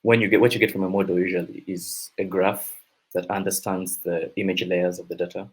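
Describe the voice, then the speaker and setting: A man giving a technical conference talk, halting, with many fillers and restarts. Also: sits low, flat delivery, breathy edge, low-quality recording. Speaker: conference speaker.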